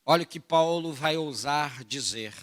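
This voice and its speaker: Male pastor with a Rio accent, bright, slightly high voice, lively sermon with loud bursts. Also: a little slow. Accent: Rio de Janeiro Portuguese. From Brazil. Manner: animated, jokey, swings from soft asides to shouted bursts. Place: church retreat.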